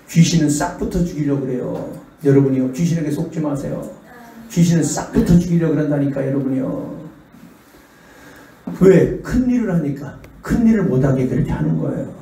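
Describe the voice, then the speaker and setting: Middle-aged male pastor, lively storyteller, fairly high voice, heard from afar in a reverberant hall. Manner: animated, acts out the voices in his stories. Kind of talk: revival sermon with storytelling. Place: church sanctuary. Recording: echoey church hall, distant mic.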